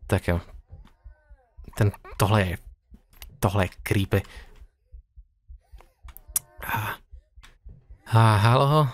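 A man's voice: fairly low pitch, no echo. A young man playing a horror game and talking to himself in nervous, joking commentary. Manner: talks to himself, jittery, joking. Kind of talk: nervous let's-play commentary.

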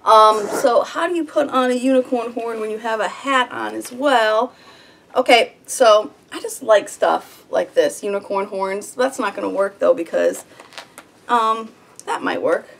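A woman's voice: a little high, measured pace, vocal fry, a bit bright. A woman in her thirties chatting casually to camera in a small sitting room, rambling a little with lots of ums. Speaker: homestead vlogger.

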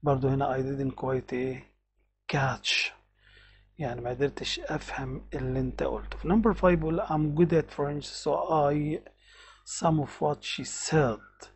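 A man with an Egyptian Arabic accent teaching English vocabulary, reading English words slowly and explaining them quickly. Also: medium pitch, steady tone.

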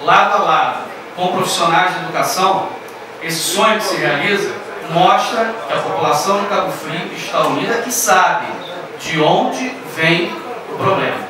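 A man in his thirties speaks from a podium microphone in a large council chamber, with a fairly high voice and an emphatic, forceful style. The recording is very echoey and distant, and a crowd murmurs clearly in the background. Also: measured pace. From Brazil. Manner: forceful, emphatic oratory with raised passages. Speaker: city councillor. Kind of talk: political speech in a council chamber. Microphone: podium microphone on a stand. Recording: echoey hall, voice heard from afar.

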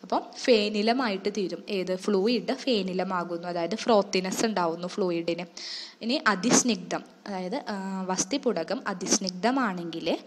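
A young woman teaches in a steady, methodical way, glossing each term in English. Her voice sits at an ordinary pitch. The recording carries a long reverb, as in a hall. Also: unhurried, slight background noise. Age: young adult. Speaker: student tutor. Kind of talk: exam-focused lecture.

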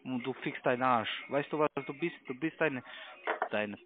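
A scam call centre caller, a man whose first language isn't German, picks a fight on the phone in a mid-range voice at normal speed. The line is tinny, muffled and narrow, with background noise, and his broken phrasing comes across crude and taunting.

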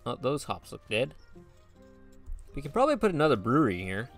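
A man chatting through a strategy game for his channel, with a gravelly, fry-laden edge to his mid-pitched voice. He jokes and reasons out loud in a relaxed, playful way. Soft music runs faintly behind him. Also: a little fast. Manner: playful, jokey, thinks aloud. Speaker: gaming channel host. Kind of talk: casual gameplay commentary.

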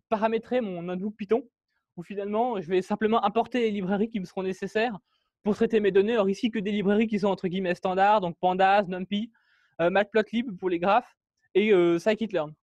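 A man's voice: sits high, brisk, a little mellow, dry recording, lo-fi sound. A man giving a technical talk at a meetup, walking through code with many fillers and restarts. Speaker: meetup speaker. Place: meetup room.

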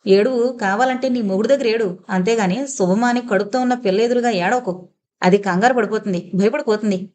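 A woman voicing a sharp-tongued, domineering elderly grandmother in an audio novel, scolding and sarcastic. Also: a little high, fairly quick, close to an everyday voice.

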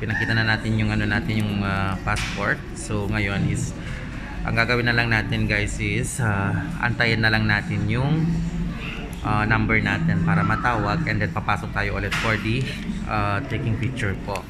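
A man's voice: fairly low pitch, flat delivery, normal speed, over loud music. Filipino man talking through a face mask. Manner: mixes Tagalog and English, says "guys" constantly. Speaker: vlogger. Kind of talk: casual vlog narration. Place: outdoors and in an embassy. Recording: loud street and vehicle noise.

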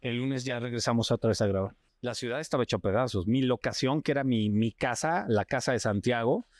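Mexican guy, actor guest, tells stories all slangy and animated, really dry close sound. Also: medium pitch, a little fast, no echo. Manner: animated, slangy, acts out other people's cries. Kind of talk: casual storytelling chat.

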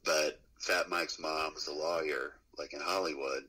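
Very deep-voiced man telling road stories. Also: steady tone, unhurried, sharp tone, poor audio. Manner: profane, rambling, laughing storyteller. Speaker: musician guest. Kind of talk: casual storytelling interview.

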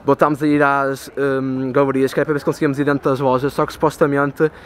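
This casual travel vlog features a young European Portuguese man in his twenties speaking fast in a mid-range, level tone. He rambles with lots of fillers to a handheld camera at arm's length while touring city streets, a stone cathedral and a big store, street noise audible behind him.

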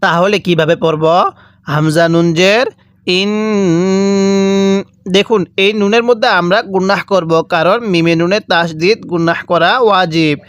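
A man teaching Quran reading, spelling out letters and vowel marks and drawing out syllables slowly for listeners to repeat after him. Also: sits high, a bit bright, no echo. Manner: draws out recited syllables very slowly. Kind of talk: step-by-step recitation lesson.

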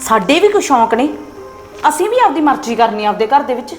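A woman acting as a spiteful young wife, sharp, nagging and combative toward her husband in a short film drama. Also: sits high, sing-song, fairly quick, soft background music. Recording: echoey room.

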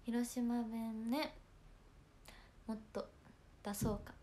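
A woman's voice: a little high, a little hiss or hum. Chatty young woman with a Hiroshima accent. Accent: Hiroshima Japanese. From Hiroshima, Japan. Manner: chatty, giggly, drops to soft whispers. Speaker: idol livestream host. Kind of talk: casual livestream chat.

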